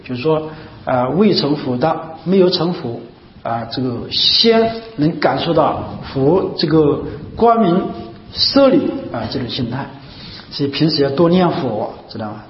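A man's voice: sits high, a little hiss or hum. A man giving a Buddhist dharma talk, repeating phrases and asking rhetorical questions. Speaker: Buddhist teacher. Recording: echoey hall, dull lo-fi sound.

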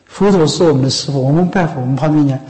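A man with a fairly high voice gives an informal Buddhist dharma talk. He speaks in a coaxing, conversational way and keeps asking whether his listeners understand. Now and then he breaks off to cough. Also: rapid-fire, a little mellow, poor audio. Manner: conversational, often asks "知道吗？" and "是不是？". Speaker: Buddhist monk teacher. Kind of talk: dharma talk to lay followers.

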